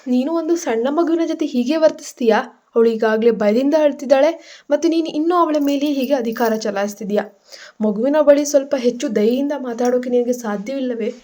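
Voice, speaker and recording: A woman voicing a protective mother in a spoken story, firm when scolding and gentle when soothing. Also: mid-range voice, steady tone, a little fast, lightly acted.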